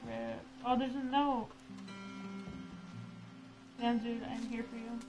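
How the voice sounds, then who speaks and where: A woman's voice: a little high, level tone, takes it slowly, gravelly, music in the background, poor audio. A woman streaming a game, chatting casually, reading viewer comments aloud and swearing now and then. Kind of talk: casual gameplay chat.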